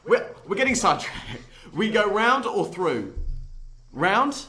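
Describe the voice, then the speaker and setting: A man playing a tabletop game, talking casually in halting bursts with many restarts. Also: high voice, big pitch swings, sharp tone, roomy sound, a little hiss or hum. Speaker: player.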